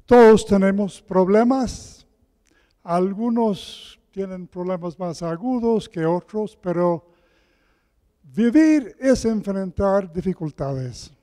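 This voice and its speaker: A man delivers a sermon at an unhurried, deliberate pace. His voice is fairly high for a man and softly mellow, and it rings through a big hall with long, cathedral-like echo. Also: expressive. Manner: deliberate, repeats key phrases for emphasis. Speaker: guest preacher. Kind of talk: sermon with Bible reading. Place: large echoing hall with pews.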